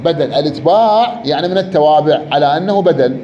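A man's voice: a little high, animated, fast talker, warm tone, highs cut off. A man teaching a grammar lesson, repeating words and quizzing his student. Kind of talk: Arabic grammar lesson, question and answer. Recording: echoey room, faint noise.

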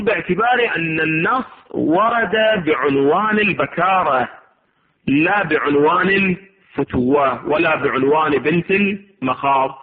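A man giving a seminary lecture on religious law, reading a text aloud and explaining it with rhetorical questions. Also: a little high. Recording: tinny phone-like lo-fi recording.

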